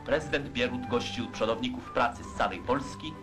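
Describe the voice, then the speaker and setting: Man, old newsreel narrator, solemn declamatory delivery, mid-pitched voice, loud music behind. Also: moderate pace. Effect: old newsreel soundtrack.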